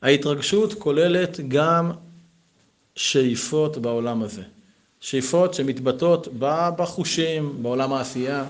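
A man in his thirties teaching a Torah lesson in a conversational, animated way, mixing text study with personal stories. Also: on the high side. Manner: animated, conversational, lively asides. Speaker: yeshiva teacher.

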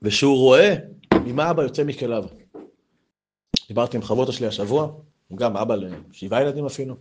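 A man's voice: mid-range voice, very noisy. Man telling stories in a Torah talk. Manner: animated storytelling, voice swells when excited. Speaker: religious lecturer.

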